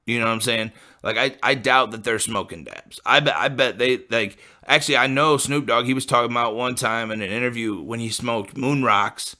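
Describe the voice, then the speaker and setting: He's a podcast host from the American Midwest, late twenties, with a mid-range voice that sounds pushed and bright. He moves at a moderate pace with hardly any pauses, rambling in a laid-back, foul-mouthed style full of likes and you-knows.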